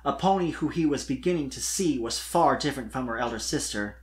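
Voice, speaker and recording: Fairly quick and highly animated, an expressive storyteller narrates scripted fiction. The voice stays in a middle range while rising and falling through every sentence.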